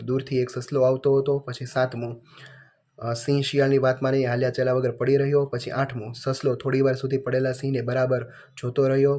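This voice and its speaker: A man goes through a children's workbook answer by answer. His voice stays in a narrow, even band, reading off lists of words one after another. It sounds like a patient teacher walking pupils through their exercises. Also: medium pitch. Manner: reads answers in a flat, list-like way.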